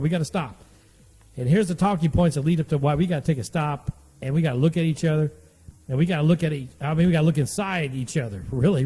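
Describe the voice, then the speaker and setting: A man in his late fifties talks through his podcast in a loose, folksy ramble, circling back and repeating phrases. His voice sits a little high for a man. The sound rings with a long reverb. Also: warm tone. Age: 50s. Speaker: podcast host. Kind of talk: casual monologue podcast.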